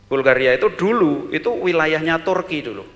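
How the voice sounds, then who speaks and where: A man speaking at a business seminar, telling a story in a lively way: he repeats words, tags his phrases with short fillers, and lets his voice swell loud and then drop soft. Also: fairly high pitch, moderate pace.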